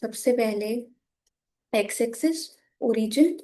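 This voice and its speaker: A young Indian woman with a hoarse, sore voice, patiently teaching an economics lesson while drawing graphs and speaking softly. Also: on the high side, slow. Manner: patient, repeats "ठीक है" often, switches between Hindi and English.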